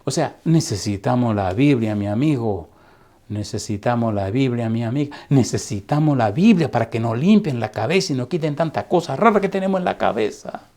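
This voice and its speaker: Fervent preaching man, mellow voice. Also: medium pitch, expressive, fairly quick. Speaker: pastor. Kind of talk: sermon.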